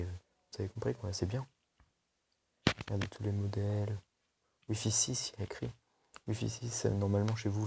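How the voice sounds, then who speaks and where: A man's voice: on the low side, creaky, warm tone, a little hiss or hum. A young man casually reviewing a tablet for his video channel, chatty and loose, full of fillers and restarts. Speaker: tech video host.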